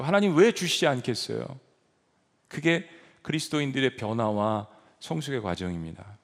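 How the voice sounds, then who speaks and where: Male pastor, sermon delivery, earnest and urging, gravelly tone, long church reverb. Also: medium pitch. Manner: earnest, exhorting the congregation.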